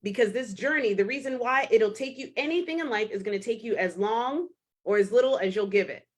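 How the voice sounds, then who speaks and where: A woman in her thirties hosting her own podcast as a fitness coach, talking casually and bluntly, with swearing and quick impressions of her clients. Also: a little high. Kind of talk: casual solo podcast monologue.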